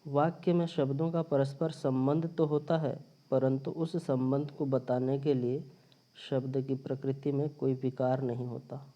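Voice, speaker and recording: A man with a mid-range, mellow voice teaches a recorded grammar lesson as a linguistics lecture, speaking at a measured pace in a level tone. He explains step by step and repeats his points, recorded by phone or screen recorder with the highs cut off.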